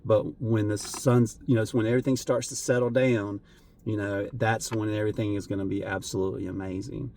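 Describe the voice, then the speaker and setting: Earnest man, low flat voice. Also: slight background noise. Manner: earnest, halting, many fillers and restarts; emotional, voice wavering at times. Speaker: vlogger. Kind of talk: heartfelt unscripted talk to camera.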